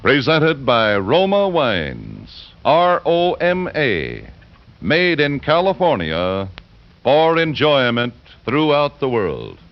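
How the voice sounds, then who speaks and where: A man's voice: medium pitch, huge pitch swings, takes it slowly, faint music behind. A man reading scripted 1940s radio advertising as a polished, emphatic commercial announcer. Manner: polished, emphatic salesman delivery. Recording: dull 1940s radio broadcast.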